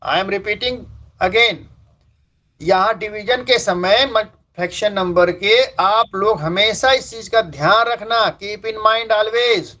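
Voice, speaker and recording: High-voiced male math teacher, lo-fi. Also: takes it slowly, sharp tone. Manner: explains step by step, repeats points, mixes English terms. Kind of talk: classroom lecture at a board. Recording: dull lo-fi sound.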